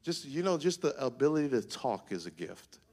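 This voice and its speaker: A middle-aged male pastor preaching a sermon, moving from quiet reflection to shouted, sing-song calls to the congregation. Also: medium pitch, big pitch swings, a little fast.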